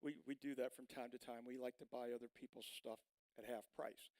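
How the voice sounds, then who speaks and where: A man's voice: medium pitch, fairly even intonation, a little fast, a little mellow, low-quality recording. A man preaching a sermon as a pastor, telling a personal story in a casual, rambling way with plenty of fillers. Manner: folksy, rambling anecdote with many fillers.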